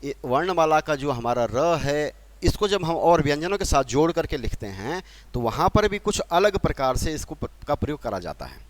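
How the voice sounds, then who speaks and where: This man's voice sits fairly high and has a sing-song quality at a moderate pace. He is from Uttarakhand, carries an Uttarakhand Hindi accent, and patiently teaches spelling at a board, restating key points and asking the class questions.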